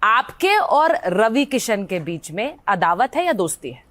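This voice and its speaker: A woman's voice: mid-range voice, big pitch swings, unhurried, a bit bright, no room sound. A woman interviewing a guest, persistent and confrontational in her questions.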